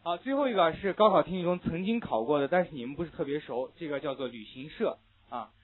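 A male English teacher gives a classroom lecture on linked sounds in listening tests, with "ah" fillers and slow repeat-after-me drills. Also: fairly high pitch, animated. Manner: explains rules with frequent "ah" fillers, then models words slowly. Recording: tinny phone-like audio.

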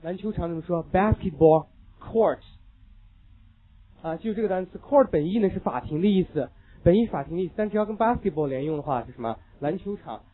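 A man's voice: high-pitched, lively intonation, brisk. A man teaching an English listening class, lecturing emphatically, repeating key points and dropping joking asides. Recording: tinny lo-fi phone-like recording.

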